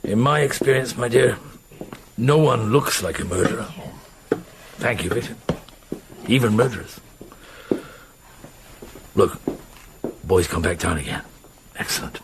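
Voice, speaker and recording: An actor playing a patient, perceptive police inspector in a radio drama, hesitant, avuncular and probing. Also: male voice, lowish voice, measured pace, pauses often, noisy background. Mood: wry.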